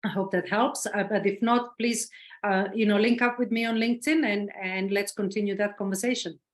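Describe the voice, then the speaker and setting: A woman's voice: medium pitch, fairly even intonation, normal speed. A woman answering audience questions in an online marketing workshop, chatty and encouraging, with many fillers. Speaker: workshop expert. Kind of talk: webinar Q&A.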